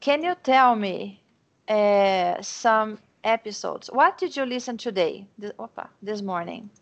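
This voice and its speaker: A woman's voice: mid-range voice, lively intonation, takes it slowly, lo-fi sound. A Brazilian Portuguese-speaking woman teaching English in an online lesson over a video call, chatty and encouraging, often restarting her sentences as she explains.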